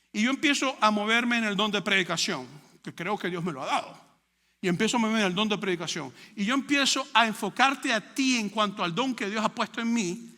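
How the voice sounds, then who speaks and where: A man's voice: sits high, sharp tone, in a large hall. A male pastor, preaching a sermon in a conversational way and asking his congregation rhetorical questions. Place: church sanctuary.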